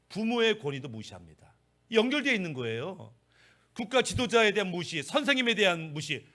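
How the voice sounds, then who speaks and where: A man's voice: extremely high pitch, pushed and bright. A middle-aged male pastor preaching a sermon, emphatic and full of rhetorical questions.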